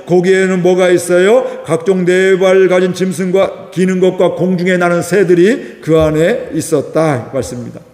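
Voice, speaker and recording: A man's voice: sits high, steady tone, normal speed, hardly any pauses, darkish tone. A male pastor preaching a Sunday sermon, often asking the congregation questions and acting out the lines of the people in his story. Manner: asks the congregation rhetorical questions and acts out quoted lines. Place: church sanctuary. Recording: echoey, reverberant church hall.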